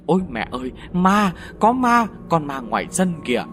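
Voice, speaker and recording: A man's voice: a little high, big pitch swings, normal speed. A man voicing a frightened young sister-in-law, stammering and breathless. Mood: terrified.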